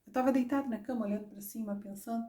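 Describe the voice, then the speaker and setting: A woman's voice: fairly high pitch, fairly even intonation, rapid-fire, mellow. A middle-aged woman preaching a sermon, telling a personal testimony in a conversational storytelling way with frequent tag questions. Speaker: women's ministry preacher.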